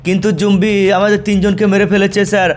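A man's voice: high voice, little pitch movement, fast talker, natural voice. A man voicing a timid male police constable reporting nervously to his boss in a game video. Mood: flustered. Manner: deferential, flustered.

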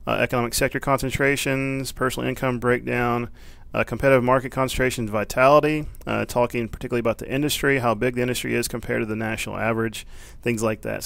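A man in his thirties, a business librarian, walking through a research database in a relaxed tutorial with plenty of fillers, recorded in an office at a desk camera. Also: mid-range voice, vocal fry, no room sound. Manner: relaxed, filler-heavy explaining. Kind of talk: screencast tutorial walkthrough. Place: office with bookshelves.

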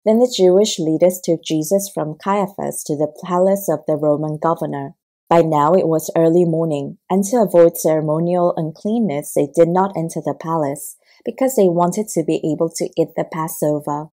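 A woman narrates a scripture audiobook in a steady, measured way. Her voice is low-pitched and mellow, with no sharpness to it.

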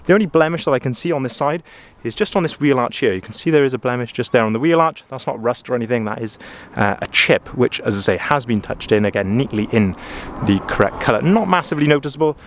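A man's voice: medium pitch, expressive, quick pace, hardly any pauses, slight background noise. A man from Wales, a van sales manager, giving a chatty walkaround of a camper van inside the vehicle and out on the dealer's lot, often saying "as I say", with the phone camera in his own hand. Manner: chatty, keeps repeating "as I say".

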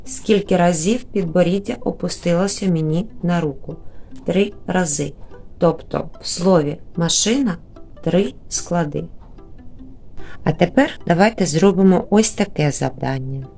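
Slow, patient Ukrainian woman teacher. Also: fairly low pitch, creaky, warm tone, soft background music. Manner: slow, patient, drawn-out syllables. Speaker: primary school teacher. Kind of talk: remote lesson for young children.

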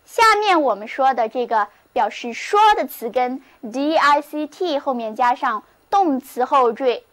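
A woman's voice: sits high, a bit bright. A woman teaching English vocabulary in a scripted lesson, spelling words letter by letter and reading example sentences aloud.

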